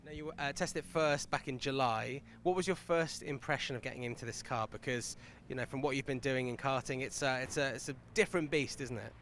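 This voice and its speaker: A man's voice: mid-range voice, a little fast, a bit bright, slight background noise. A man presenting a motor race broadcast, chatting upbeat with drivers and his co-commentator. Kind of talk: trackside broadcast interviews.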